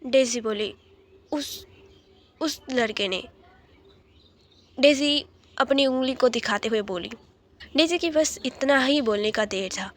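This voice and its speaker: High-voiced woman telling a story. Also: moderate pace. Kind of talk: storytelling narration.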